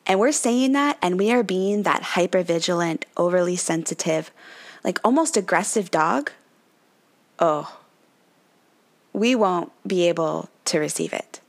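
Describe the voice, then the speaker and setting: A woman's voice: fairly low pitch, a little slow, pauses often. A woman hosting a numerology podcast in casual talk, laughing often and filling her speech with "like" and "right?", slipping into brief mock voices. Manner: chatty, laughs often, says "like" and "right?" a lot; dips into mock voices playing the number. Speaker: podcast host, numerology coach.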